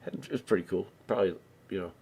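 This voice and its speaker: A man's voice: low-pitched, fast talker, gravelly, warm tone, husky. A man hosting a live stream, telling a long story in a loose, rambling way, with restarts and acted-out bits of dialogue. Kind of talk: casual storytelling.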